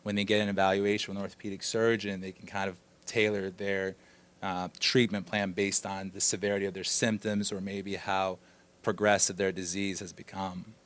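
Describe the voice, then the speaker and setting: A man from Russia who works as an orthopedic surgeon, answering interview questions in a measured, explanatory way. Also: low-pitched, little pitch movement, fairly bright tone.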